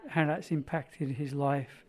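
A man working as a music therapist, explaining his work in a clear, methodical way. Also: fairly high pitch, steady tone, slow, darkish tone.

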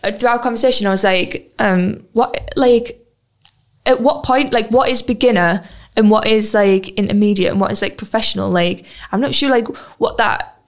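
A woman hosting a podcast in casual chat, talking with lots of fillers and frequent laughs. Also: a little high. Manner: chatty and giggly, many filler words. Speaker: podcast host.

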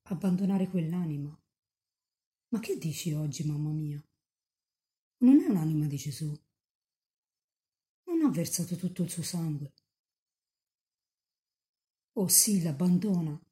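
A young woman mystic lost in rapture, as a nun reads her words aloud, pleading with Mary in a fervent, tender prayer. The voice sits low and mellow. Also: expressive, unhurried, long pauses.

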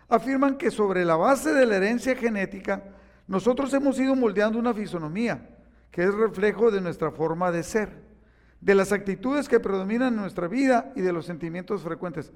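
A man's voice: high-pitched, moderate pace. A man preaching a sermon, telling stories animatedly and acting out the quotes. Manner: animated storytelling with acted-out quotes. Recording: echoey hall reverb.

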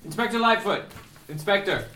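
A man's voice: high-pitched, animated, moderate pace, pushed and bright, slight background noise. Sly, polite reporter voiced by a man, heard from a distance in an echoey room. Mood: needling. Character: sly, smooth male newspaper reporter.

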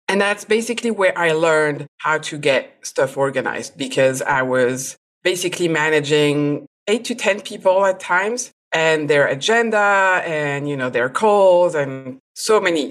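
A woman's voice: sits low, fairly bright tone. A woman from France, a photographer and podcast guest, who talks in a chatty way and laughs often. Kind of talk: podcast interview.

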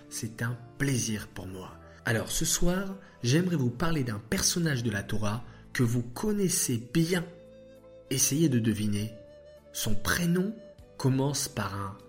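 A man telling a religious story to children, animated and asking the listeners questions. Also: mid-range voice.

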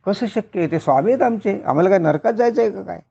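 A man's voice: high-pitched, expressive, fast talker, vocal fry, dark tone, slightly rough, lo-fi sound, full character voice. A man voicing a haughty queen who protests with emphatic, repeated exclamations. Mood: scandalised. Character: haughty queen, a woman, easily scandalised.

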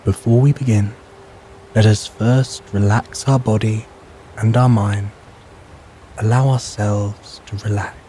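A man narrating a bedtime sleep story in a calm, measured, soothing and hushed guiding way. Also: on the low side, slight background noise.

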